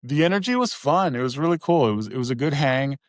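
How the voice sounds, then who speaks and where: A man's voice: medium pitch, lively intonation, quick pace, no room sound. Chill guy on a podcast, casual slang, laughs a lot, dry mic. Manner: laid-back, laughs often, casual slang. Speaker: podcast guest, comedian. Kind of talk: casual interview chat.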